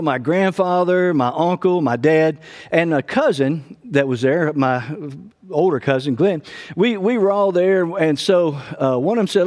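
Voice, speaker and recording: Middle-aged man, pastor, fervent sermon, slightly high voice, long reverb. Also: a little mellow. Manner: fervent, repeats "praise God" between points.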